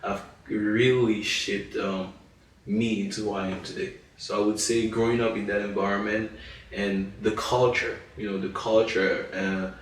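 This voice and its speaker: Speaking a little slowly with a level tone, the fairly low-voiced French-speaking man from Cameroon co-hosts a casual podcast chat. He comes across as earnest and thoughtful, with many you-knows and restarts. There's slight hiss or hum, and he's far from the mic in an echoey room.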